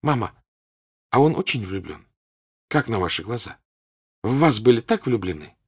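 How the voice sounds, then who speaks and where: A husky-voiced man voicing a playful, stubborn teenage girl in an audiobook, talking eagerly and insistently. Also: fairly low pitch, very animated, normal speed, pitched above the performer's own voice, exaggerated voice. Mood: excited. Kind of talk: audiobook character voice.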